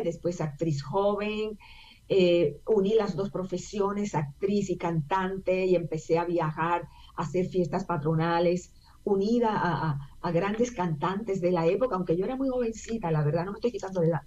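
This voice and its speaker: An older Puerto Rican actress and singer, with a Puerto Rican Spanish accent, chats as a guest in a casual interview, telling her story with lots of fillers. Her medium-pitched voice is mellow and a little slow. She's on a video call from a room at home, and the audio is dull and lo-fi with a little hiss or hum.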